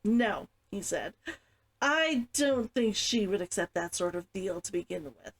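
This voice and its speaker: A woman's voice: medium pitch, expressive, a little slow. A woman reading the lines of a guarded, weary man who fled servitude, in a storybook narration. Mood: firm.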